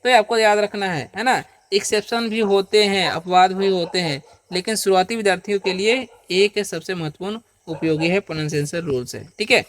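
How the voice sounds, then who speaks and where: A man with a fairly high voice teaching English pronunciation to beginners. He talks patiently and repetitively, often posing a question and answering it himself. He stretches the example sounds out slowly and keeps checking in with his listeners. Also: a bit bright, a little hiss or hum. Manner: checks in with listeners with frequent "okay?" and "isn't it?". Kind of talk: Hindi-language pronunciation lesson.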